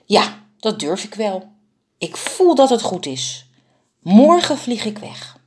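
A woman's voice: mid-range voice, sing-song, slow pace, a little mellow, pitched above the performer's own voice. A woman voicing a tiny, thoughtful female bird in a storybook, speaking solemnly and earnestly.

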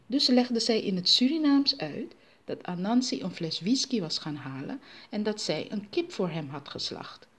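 A woman narrates a folk tale as a storyteller. Her voice sits in the middle range, and she drops it soft and low on asides. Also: breathy edge.

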